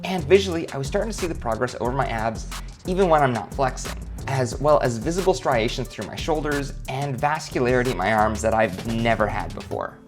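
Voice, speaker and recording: A man's voice: mid-range voice, animated, fairly quick, music in the background. Upbeat young man narrating a vlog. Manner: upbeat, matter-of-fact storytelling. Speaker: fitness vlogger. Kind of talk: scripted voice-over narration.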